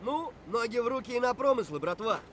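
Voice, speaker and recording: A man's voice: extremely high pitch, expressive, fast talker, slight background noise. An actor playing a boisterous, crude male scavenger thug in a video game, with brash, swaggering lines. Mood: rowdy.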